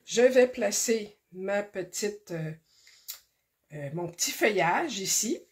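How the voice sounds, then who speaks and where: A woman hosts a card-making tutorial, talking slowly and carefully through each step with many pauses and fillers. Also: medium pitch, expressive. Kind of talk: casual craft demonstration.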